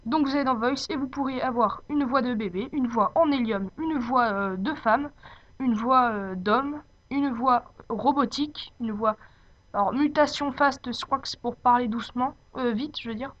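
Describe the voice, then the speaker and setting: A woman with a fairly high voice presents a casual software tutorial. She talks off the cuff and often hesitates to find the next word. The sound is dull and lo-fi, like a cheap home microphone. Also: moderate pace. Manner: hesitant, searching for words. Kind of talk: informal unscripted software tutorial.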